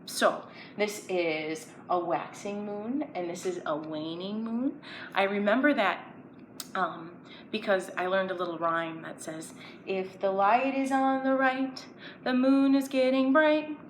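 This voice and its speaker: In an unhurried, medium-pitched voice, a woman leads an educational story time for kids, reading aloud, explaining, and playfully asking young viewers simple questions. Roomy echo and background noise fill the recording.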